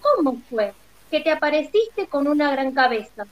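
A woman's voice: high voice, sing-song, normal speed, rough recording. Woman doing an earnest young girl. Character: brave young girl heroine.

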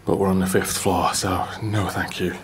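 His voice sits low, with a level tone and normal speed, and there's slight background noise. A travel vlogger, he narrates casually into a handheld camera mic, rambling and teasing himself as he walks from his apartment down the stairwell to his car in an icy outdoor car park.

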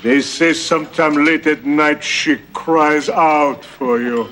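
Gushing maitre d, kinda high voice, hiss under it. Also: male voice, slow pace. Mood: fawning. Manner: flowery, ingratiating, sprinkles French phrases. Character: fawning male French maitre d', theatrical.

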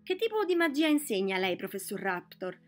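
A woman's voice: medium pitch, big pitch swings, a little fast, soft background music, lightly acted. A shy, polite young boy speaks in a slightly raised voice, as a woman reading aloud plays him. He is mild and courteous in this storybook telling.

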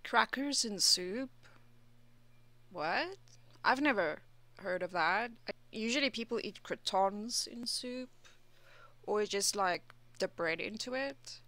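A woman's voice: medium pitch, lively intonation, slow pace, pauses often, pushed and bright, dry recording. A woman hosting a reaction channel, giving skeptical and critical commentary.

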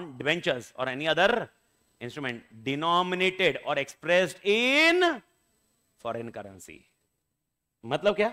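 Indian male law teacher, lively and bright-toned, quizzes the class often. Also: high-pitched. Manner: animated, quizzing students with rhetorical questions; mixes Hindi with English legal wording read slowly. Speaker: law lecturer. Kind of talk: classroom lecture.

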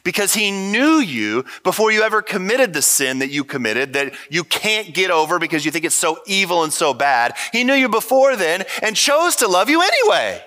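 A pastor preaching a sermon to his church in an earnest, conversational way, pausing often to talk straight to his listeners. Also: sits high, big pitch swings, pushed and bright, in a large hall. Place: church stage.

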